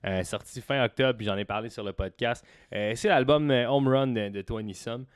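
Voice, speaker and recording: A man with a Quebec French accent, co-hosting a music podcast, enthusiastic but halting and quick to laugh. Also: mid-range voice, clean tone, no echo, clean studio sound. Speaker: podcast co-host. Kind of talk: casual music chat.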